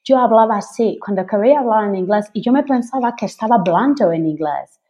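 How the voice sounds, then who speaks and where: Woman guest on a podcast, warm mellow voice, eager and emphatic. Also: medium pitch, lively intonation, fairly quick, highs cut off. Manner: enthusiastic, emphatic advice. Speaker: podcast guest, English teacher. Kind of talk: conversational podcast interview.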